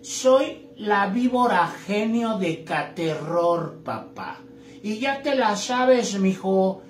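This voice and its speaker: Brief: male comic doing a swaggering she-snake genie, Mexican street slang, hushing "shh", slightly high, echoey room. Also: very animated, slow, soft background music, exaggerated voice. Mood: cocky, slangy. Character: cocky female magic snake genie.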